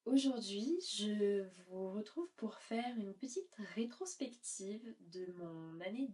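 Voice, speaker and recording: A woman's voice: mid-range voice, lively intonation, slow, darkish tone, far from the mic. Nasal, congested woman book vlogger chatting casually to camera, a little off-mic. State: stuffy nose from a cold.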